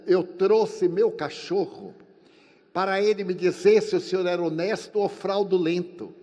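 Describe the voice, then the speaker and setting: Older Brazilian man, spiritist lecturer, theatrical storyteller, live hall with long reverb. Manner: animated storyteller, acting out dialogue with shifting pitch and volume. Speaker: spiritist speaker.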